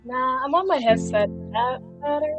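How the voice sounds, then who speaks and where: A tabletop game player talking over a headset mic on an online call, describing what their character does in a halting way that repeats words. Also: high voice, loud music behind the voice. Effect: talking through a headset mic on an online call.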